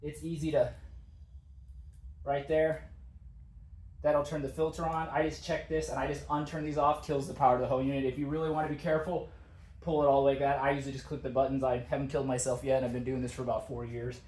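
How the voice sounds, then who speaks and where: A man's voice: mid-range voice, flat delivery, quick pace, darkish tone, roomy sound. A man casually explaining his home cold plunge routine, rambling with lots of "like" and "uh" fillers. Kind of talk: casual how-to talk. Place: outdoors or patio beside a cold plunge tub.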